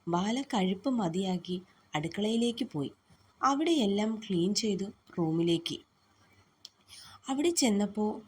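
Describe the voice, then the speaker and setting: A woman narrating a romantic story and softly reading both lovers' lines herself. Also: medium pitch, slightly rough.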